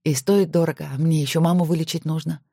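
A woman reading aloud and voicing a guarded young woman who answers quietly and warily in short replies. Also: sits low, steady tone, fast talker, creaky, dry recording, studio quality. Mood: soothing.

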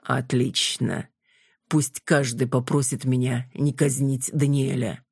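Reader doing a vampire queen, lowish husky voice, slow and commanding, dry close sound. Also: little pitch movement, no echo, full character voice. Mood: imperious. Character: cold, mocking female vampire queen. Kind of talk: audiobook character voice.

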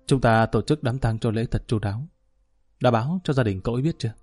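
A man reading the lines of a grave middle-aged school director in an audiobook, brisk and serious. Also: mid-range voice, a little mellow, husky, faint music behind, close to an everyday voice.

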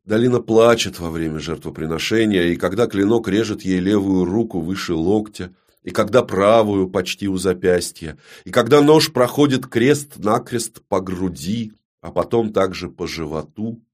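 A man narrating a dark fantasy audiobook in a measured, grave storytelling manner that often drops to a hush. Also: low voice.

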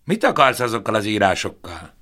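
A man voicing a stubborn official who loudly pleads to save the papers. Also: on the low side, very animated, full character voice. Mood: indignant. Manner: indignant, shouting.

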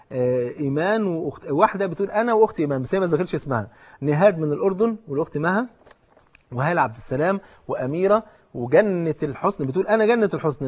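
A man's voice: a little high, breathy edge. A middle-aged man with an Egyptian Arabic accent, a preacher giving a religious lecture, reading out long lists of names and then exhorting his listeners.

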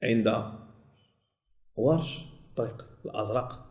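A man with a Moroccan Arabic accent teaching a Quran recitation class. He corrects his students and stretches out sample words slowly, saying them again and again. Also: medium pitch, a little mellow. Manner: corrects students and checks they follow. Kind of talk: classroom tajweed lesson.

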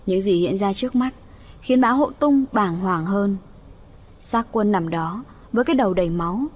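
A woman's voice: medium pitch, moderate pace. A woman narrating an audiobook story, reading the characters' lines in a lightly raised voice.

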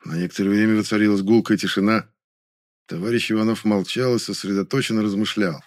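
A man reading a first-person story as an audiobook narrator, in an even, dry manner. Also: lowish voice, fast.

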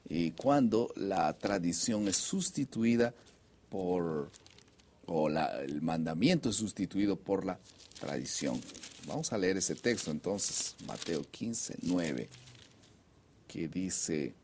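Low-ish guy, husky, voice goes all over, running a bible study and moving things along. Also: animated, slow, a little mellow, a little hiss or hum. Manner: guiding, reads scripture aloud, moves the talk on. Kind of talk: casual religious discussion.

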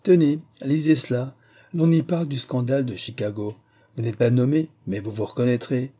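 A man's voice: medium pitch, normal speed, dark tone, close to an everyday voice. A man voicing a stern, confident male detective who speaks firmly and commands. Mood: commanding.

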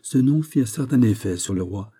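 A man narrating a classic novel as an audiobook, in a measured, even storytelling manner. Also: mid-range voice, husky.

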